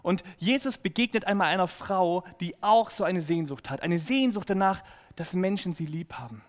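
Brief: male children's preacher, high voice, playful and direct, echoing church hall. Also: moderate pace. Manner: lively, playful, talking directly to kids. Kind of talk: children's sermon. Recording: echoey hall reverb.

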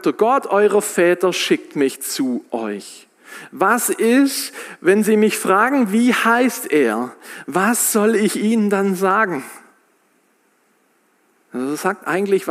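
High-voiced preacher in an echoing hall. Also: male voice. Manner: retells scripture in lively everyday speech, acting out quotes. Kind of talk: sermon.

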